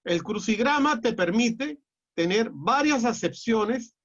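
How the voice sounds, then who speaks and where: A middle-aged man with a Peruvian accent lecturing a class in a measured, explanatory way, often pausing on "eh". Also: extremely high pitch, animated, a bit bright. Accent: Peruvian Spanish. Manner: measured and explanatory, with frequent "eh" fillers and restarts. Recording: dull lo-fi audio.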